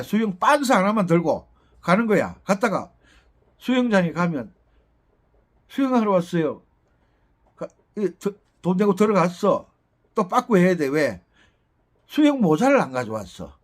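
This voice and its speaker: A middle-aged man with a Gyeongsang Korean accent, teaching an accordion lesson in a chatty, rambling way with teasing asides. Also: high-pitched. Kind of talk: casual lesson talk.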